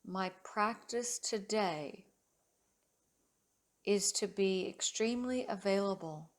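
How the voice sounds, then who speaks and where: Leading a guided relaxation session, this medium-pitched female yoga teacher keeps her delivery calm and measured. Long silences separate each phrase.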